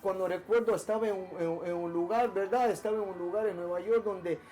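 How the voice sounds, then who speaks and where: A man recounts his testimony to a pastor in an earnest, emotional way. His voice sits high for a man, and he often stalls and repeats words before pushing on. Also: fairly even intonation, warm tone. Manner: halting, with many repeated words and restarts. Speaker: church member giving testimony. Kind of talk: personal testimony told to a pastor.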